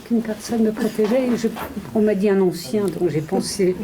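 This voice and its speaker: A woman's voice: mid-range voice, normal speed, a crowd in the background, poor audio. A French woman in an audience, asking a medium about her grandfather. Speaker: audience member. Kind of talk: casual questions.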